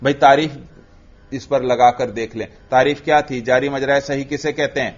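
Brief: male teacher, mid-pitched, quizzes his class, dull lo-fi recording. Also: fairly even intonation. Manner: asks the class questions and answers them himself, repeats key terms slowly. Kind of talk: classroom grammar lesson.

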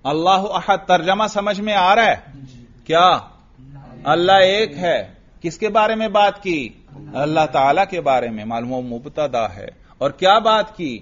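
Man, grammar teacher, slow patient drilling, slightly high voice, dull lo-fi sound. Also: animated, fairly bright tone. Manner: slow, patient, quizzing with repeated questions. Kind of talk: classroom grammar lesson with drills.

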